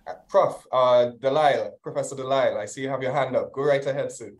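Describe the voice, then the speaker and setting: A young man moderating a panel over a video call. His voice sits in an ordinary middle pitch, and he speaks politely, briefly summing up and passing the turn on. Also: steady tone, quick pace. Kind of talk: panel discussion. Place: indoors in front of a plain backdrop.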